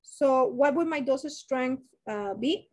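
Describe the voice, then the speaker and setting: Her voice is high and a little mellow, with a measured pace. She is a nursing instructor in a live online lecture, reasoning through a dosage problem aloud, restarting frequently and asking the class questions, with her webcam beside shared slides indoors.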